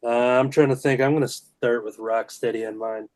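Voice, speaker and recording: A man hosting a casual drawing show, talking in a relaxed way with frequent "uh" fillers. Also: medium pitch, moderate pace. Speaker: host. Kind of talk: casual video-call chat while drawing.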